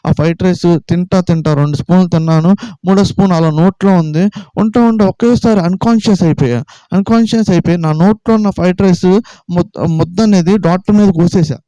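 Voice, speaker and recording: A man from Andhra Pradesh telling his personal faith testimony, retelling events in rapid, repetitive storytelling and acting out quoted dialogue. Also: high-pitched, warm tone, no room sound, low-quality recording. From Vijayawada, Andhra Pradesh. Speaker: testimony speaker.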